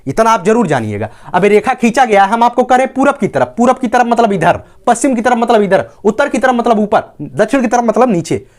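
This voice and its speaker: Man, maths teacher, lively swinging pitch, keeps checking in with listeners. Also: brisk, few pauses. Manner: explains step by step, keeps asking "right?". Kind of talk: whiteboard maths lesson.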